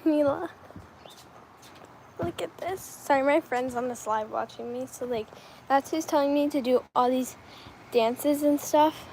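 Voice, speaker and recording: High-voiced young woman livestreaming outdoors. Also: a little slow, pauses often, a little mellow, a little hiss or hum. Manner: rambling, filler-heavy talk. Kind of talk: casual livestream chat. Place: outdoors on a balcony.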